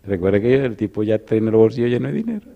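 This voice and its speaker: A middle-aged man preaching, telling a story with laughter and big swings from loud to hushed. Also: fairly low pitch, big pitch swings, fast talker, gravelly, dull audio. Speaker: pastor. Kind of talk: storytelling sermon.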